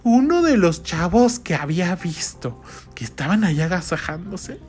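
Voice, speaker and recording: A woman telling a comic horror story, dramatic and crude-humored, dropping to hushed whispers and rising to shrieks. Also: lowish voice, very animated, moderate pace, soft background music.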